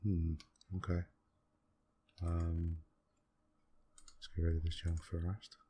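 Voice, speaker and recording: A man quietly talking through a computer game in a soft-spoken ASMR style, musing aloud at an unhurried pace with many pauses. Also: sits low, completely flat delivery, husky. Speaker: gaming channel host.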